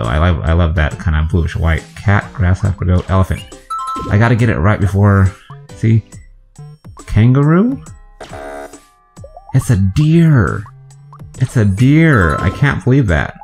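Low-voiced man guessing aloud over gameplay. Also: darkish tone. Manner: chatty, guessing aloud and talking to himself. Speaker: let's play host. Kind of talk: gameplay commentary. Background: faint game music.

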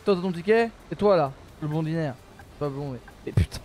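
A man's voice: fairly high pitch, fairly quick. A man streaming live gameplay, exasperated and swearing, swinging from mutters to outbursts and laughing at himself. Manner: animated, jumps from mutters to outbursts. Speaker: streamer playing a bus simulator.

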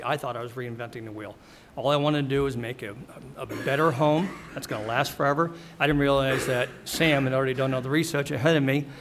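A middle-aged man speaking as a home builder on a policy panel, plainspoken and earnest, often clearing his throat, into a table mic in a wood-paneled hearing room. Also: mid-range voice, slight background noise. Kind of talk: panel presentation. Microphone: table mic on stand.

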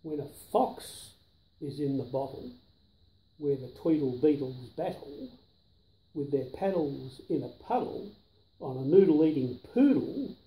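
A man in his seventies, acting as storyteller grandfather, sits on a sofa indoors reading a rhyming kids' book, emphasizing each tricky word with care. He sounds fairly high-pitched, expressive and warm at a measured pace, recorded by a camera a few feet off with a roomy living-room echo.

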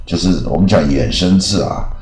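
A man's voice: low voice, lively intonation, moderate pace, a little mellow, reverberant, rough recording. A man from Taiwan giving a casual, rambling English lesson, full of filler particles and restarts. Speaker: English teacher.

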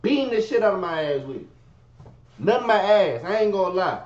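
Animated man in a roomy bedroom. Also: brisk. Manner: animated, swings from low mutters to high yelps; profane slangy street talk. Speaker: vlogger telling a story. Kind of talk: casual storytime. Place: his bedroom. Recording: roomy, dull lo-fi sound.

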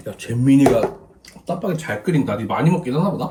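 A woman's voice: rumbling low, lively intonation, quick pace. A woman voicing a bossy, nagging teenage girl cousin in a comedy sketch. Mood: teasing. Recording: roomy sound from a distant mic, faint noise.

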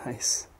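A man exploring an abandoned speedway building, giving quiet, offhand commentary. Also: a little hiss or hum. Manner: quiet, flat, offhand remarks. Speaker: urban explorer filming a walkthrough.

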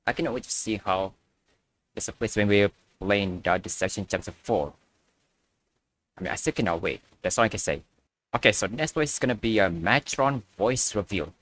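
A man's voice: on the low side, brisk, fairly bright tone, poor audio. A young man giving casual reaction commentary as a video host.

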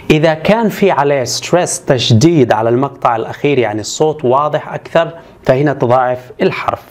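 A man teaching English spelling rules, who repeats each example word slowly and carefully. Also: a little high. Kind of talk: explanatory spelling lesson.

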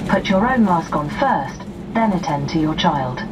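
A woman formally reads a scripted flight safety demo announcement in a measured manner. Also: low-pitched, lively intonation. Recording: distant cabin speaker, loud aircraft noise. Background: loud aircraft cabin noise.

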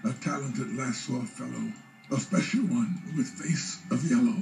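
A man's voice: mid-range voice, unhurried, gravelly, darkish tone, faint music behind. An actor playing an old male wizard in a video game, reciting grandly and theatrically. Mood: solemn. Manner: theatrical, solemn prophecy recital. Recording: echoey game audio off TV speakers.

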